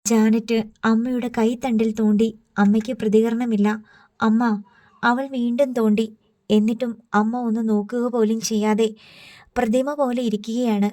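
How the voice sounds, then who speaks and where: A woman reading a literary novel aloud as an audiobook narrator, in a measured, unhurried storytelling manner. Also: on the high side, flat delivery, warm tone.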